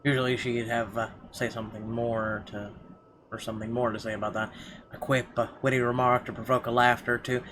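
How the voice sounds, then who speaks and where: A man with a mid-range voice reads a visual novel's story aloud as a gameplay host, keeping a level tone and a brisk pace. The recording is clear apart from game ambience in the background.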